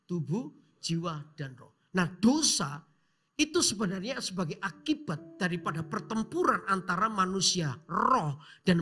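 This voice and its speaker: A male pastor, preaching a sermon by telling a story, dropping to whispers and then rising to loud calls. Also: high-pitched. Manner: storytelling with sudden shouts and hushed whispers. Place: church.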